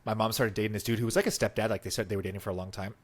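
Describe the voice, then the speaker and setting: A man's voice: fairly low pitch, steady tone, rapid-fire. A young man co-hosting a podcast, chatting casually and teasing his friend, saying "bro" and "dude" a lot. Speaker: podcast co-host. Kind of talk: casual chat.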